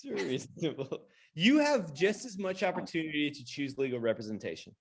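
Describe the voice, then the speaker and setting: A man chatting casually on a podcast, playful and quick to laugh. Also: a little high, sing-song. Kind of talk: casual chat.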